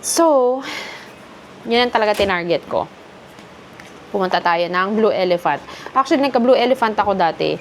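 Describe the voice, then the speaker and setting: A woman from the Philippines talks through her shopping haul in a relaxed, chatty way, moving easily between Filipino and English. Her voice sits at a middle pitch, with a faint hum of noise behind it. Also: normal speed, long pauses. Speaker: vlogger. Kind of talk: casual haul vlog.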